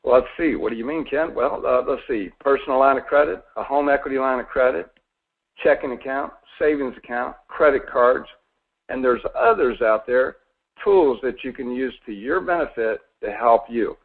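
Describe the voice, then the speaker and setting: A folksy man gives a live money seminar, stopping often to quiz his audience and slipping in a bit of sarcasm. His voice is somewhat husky. It comes through a thin, phone-like line. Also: medium pitch, lively intonation, moderate pace. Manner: folksy, asks the audience questions, mildly sarcastic. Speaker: financial seminar presenter.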